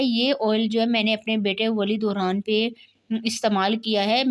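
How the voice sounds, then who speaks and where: Chatty young woman vlogger, slightly high voice. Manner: chatty, talkative, explains step by step. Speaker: home-remedy vlogger. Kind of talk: casual cooking tutorial.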